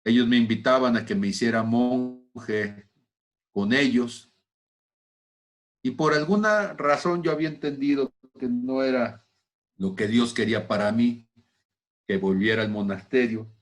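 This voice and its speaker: A man preaching a personal testimony, swinging between loud exclamations and hushed, almost whispered lines. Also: mid-range voice. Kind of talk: testimony sermon.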